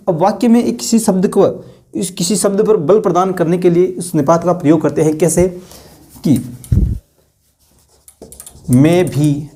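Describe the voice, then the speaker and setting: Male teacher, fairly high voice with a mellow tone, asks rhetorical questions and repeats example sentences. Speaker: Hindi grammar teacher. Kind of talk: online grammar lesson.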